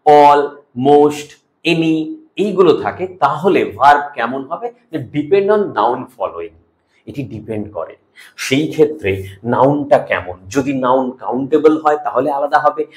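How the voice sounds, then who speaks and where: A man with a Bengali accent teaching English grammar rules for an exam, explaining each rule and reading example sentences slowly and deliberately, checking in with "okay?" as he goes. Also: medium pitch. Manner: mixes English terms into Bengali, asks "ok?" often. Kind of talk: exam-prep grammar lesson.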